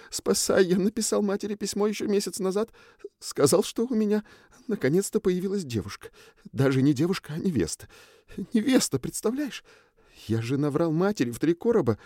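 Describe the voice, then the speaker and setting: Мужчина изображает паникующего робкого парня. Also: male voice, high-pitched, mellow, no echo, studio quality, pitched above the performer's own voice. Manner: nervous, stammering, pleading. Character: timid young man, panicky and awkward.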